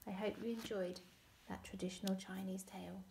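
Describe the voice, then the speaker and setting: Expressive teacher reading aloud. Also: female voice, mid-range voice, brisk, gravelly, a little hiss or hum. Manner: expressive, often whispering, asks the children questions. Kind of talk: reading a storybook aloud to children.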